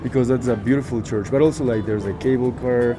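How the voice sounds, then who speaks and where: A man from Ecuador, casually recommending places as a local guide outdoors in a city. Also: mid-range voice. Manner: relaxed, explaining with pauses and "uh". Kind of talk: casual conversation. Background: background music.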